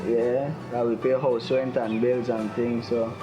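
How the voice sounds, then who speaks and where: A young man who works as a mechanic speaks casually in a testimonial. Clear guitar music plays behind him. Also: medium pitch, little pitch movement, a little slow. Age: young adult. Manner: casual, plain-spoken.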